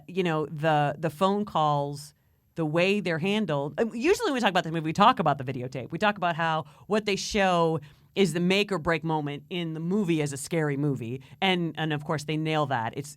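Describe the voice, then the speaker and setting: Woman podcast cohost rambling about movies, lowish voice, dry close sound. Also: fairly quick, no echo. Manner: animated, rambling with restarts. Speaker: podcast co-host. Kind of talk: casual chat.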